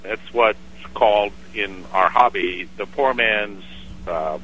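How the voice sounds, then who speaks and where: A man from Wisconsin, a guest on a radio show, telling a collecting story in a plain, relaxed way. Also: lowish voice, slow, a little hiss or hum, poor audio. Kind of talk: casual interview chat.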